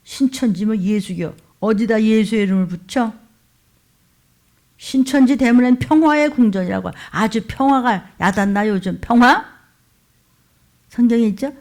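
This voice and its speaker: A woman pastor preaching a fiery sermon, scolding her listeners with sharp rhetorical questions. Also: a little high, moderate pace, long pauses.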